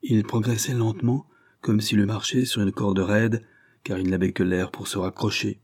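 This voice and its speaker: A man reading a novel aloud as an audiobook narrator, with steady, measured narration. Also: fairly low pitch, slightly rough. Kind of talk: scripted narration.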